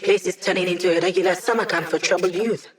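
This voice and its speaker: A woman's voice: lowish voice, fast talker, lightly acted. An actress playing an upbeat, wry female hacker who gives a squad mission support in a video game, with playful, teasing, casual delivery.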